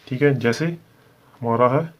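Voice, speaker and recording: A man's voice: mid-range voice, unhurried. A man teaching shorthand in a step-by-step lesson, speaking with a Hindi accent and patiently checking in with "theek hai" as he goes. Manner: explains patiently, repeats "ठीक है" often. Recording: slightly dull lo-fi sound.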